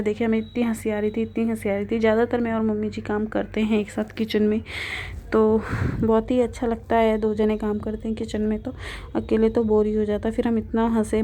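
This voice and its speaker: A young woman vlogger talks in a casual, chatty way and repeats her phrases. Her voice sits a little high but stays flat and even in pitch. The tone is soft and mellow, not bright. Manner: chatty, repeats herself, light laughter. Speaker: family vlogger. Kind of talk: casual vlog narration.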